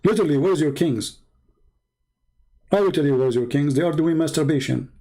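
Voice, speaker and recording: Sarcastic Middle Eastern-born debater, man, mocking and challenging tone, voice on the higher side. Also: brisk, mellow, rough recording. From Middle East. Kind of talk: polemical monologue.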